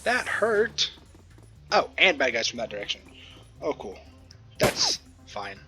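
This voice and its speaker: A man giving chatty let's play commentary, joking and filling pauses with ums and ohs. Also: medium pitch, wildly swooping pitch. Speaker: gamer.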